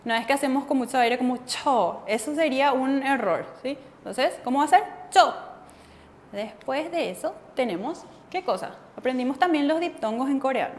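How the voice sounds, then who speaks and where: A woman's voice: high voice, lively intonation, a little fast, hardly any pauses, big-room sound, slight background noise. A woman teaching a language lesson, asking the class questions, answering them herself and drilling pronunciation sound by sound.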